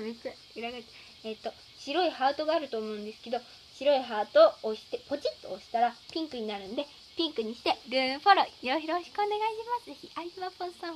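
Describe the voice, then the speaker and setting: A woman's voice: sits high, a little hiss or hum. A teenage girl chatting on a live stream, reading out fan names and thanking viewers in a playful, chatty way, recorded indoors at home. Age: teens. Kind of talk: casual live stream chat.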